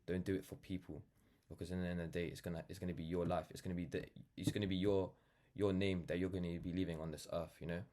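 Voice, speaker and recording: A 19-year-old vlogger and brand founder with a London accent talks casually and reflectively to camera, earnest and rambling, often saying "like" and "you know." His voice is deep and mellow with a level tone, and he speaks fast with few pauses.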